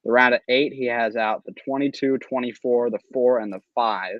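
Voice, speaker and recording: A man's voice: mid-range voice, fairly even intonation, no echo, highs cut off. A man hosting a casual racing podcast chat, teasing his co-hosts and joking around. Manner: joking, quick to tease. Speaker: podcast host.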